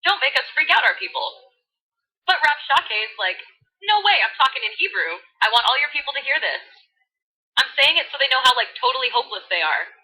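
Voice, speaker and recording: A woman's voice: sits high, sing-song, brisk, pushed and bright, husky, poor audio. A woman with a Californian Valley Girl accent retells a story in gushing, sassy slang full of fillers. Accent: American, Californian Valley Girl.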